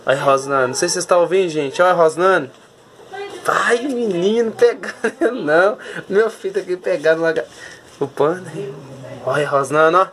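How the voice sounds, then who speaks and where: A woman's voice: deep voice, quick pace. A woman, narrating a casual home video and coaxing her cat while she talks to the viewers. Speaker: pet owner filming her cat.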